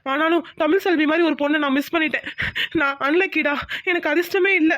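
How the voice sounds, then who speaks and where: A woman's voice: sits high, quick pace, a bit bright, dry recording. Woman doing a bewildered lovesick village lad. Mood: plaintive. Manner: confused, plaintive questioning.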